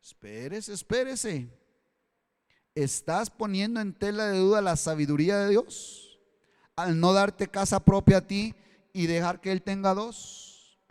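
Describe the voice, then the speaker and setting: A Costa Rican man preaching a sermon as pastor in a church, swinging from loud pleading to hushed asides. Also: high voice, measured pace, clear, resonant tone. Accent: Costa Rican Spanish. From Costa Rica. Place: church hall. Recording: long church-hall reverb.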